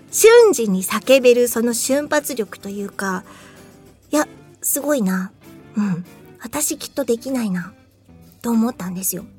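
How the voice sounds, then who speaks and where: Lively high-voiced woman chatting casually. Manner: chatty, laughs often, mimics screams. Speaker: voice actress hosting a talk show. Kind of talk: casual solo chat.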